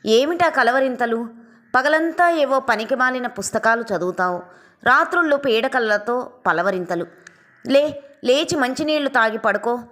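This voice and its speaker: A woman's voice: on the high side, animated, unhurried, fairly bright tone. A woman voicing an irritated husband who scolds impatiently. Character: irritated husband woken at night.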